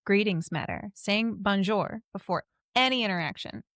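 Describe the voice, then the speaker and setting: A woman co-hosting a podcast in casual chat, talkative and quick to laugh. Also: mid-range voice, fairly bright tone, dry recording, clean studio sound. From United States. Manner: chatty, laughs often, mimics voices. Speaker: podcast co-host.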